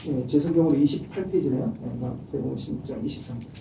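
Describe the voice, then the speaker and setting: A middle-aged man preaching a sermon as pastor, animated and acting out the voices he quotes. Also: mid-range voice, quick pace, vocal fry, recorded from a distance, slight background noise. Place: church sanctuary. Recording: echoey church hall miked from afar.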